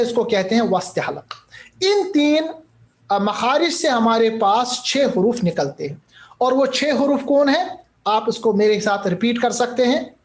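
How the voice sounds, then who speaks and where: A man teaching Qur'anic recitation in a recorded lecture. He explains patiently, repeats each term, mixes in English words and sounds out letters slowly. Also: very high-pitched.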